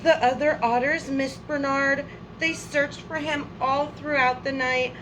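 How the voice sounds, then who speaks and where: This storytime host is a woman with a high-pitched voice, reading a picture book to young children in an expressive way. She draws out words and treats listeners like friends with warm asides. Noise fills the background.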